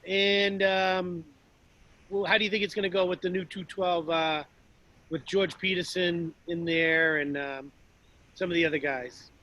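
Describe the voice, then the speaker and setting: A man hosting a podcast, asking quick, brief questions in a casual interview. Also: high-pitched, fairly even intonation, sharp tone, no room sound, poor audio. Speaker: podcast host.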